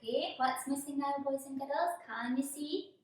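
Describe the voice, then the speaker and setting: A woman's voice: sits high, moderate pace, heavy background noise. A woman presenting a children's show, talking to young viewers in an encouraging way with lots of questions. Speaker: children's church show host. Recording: very echoey room, distant microphone.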